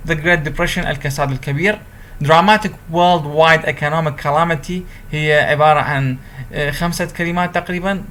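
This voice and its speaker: Give me a man teaching a recorded interpreting lecture, a bit high-pitched, reading slowly and explaining quickly. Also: fairly bright tone. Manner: switches between slow deliberate English and quick Arabic explanation. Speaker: university translation lecturer.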